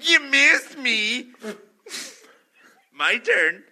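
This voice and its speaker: A man voicing a cocky, murderous surfing villain in a cartoonish style, with slow, theatrical menace. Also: very high-pitched, big pitch swings, sharp tone, pitched above the performer's own voice, exaggerated voice. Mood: smug menace.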